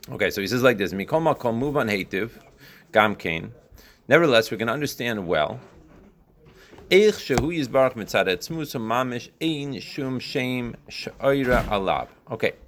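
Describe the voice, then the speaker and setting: A man's voice: on the low side, a bit bright. Man teaching a religious text, explaining and rephrasing. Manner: explanatory, repeats and rephrases, checks with frequent "right?". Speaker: Torah teacher. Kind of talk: informal religious text lesson, reading and explaining line by line.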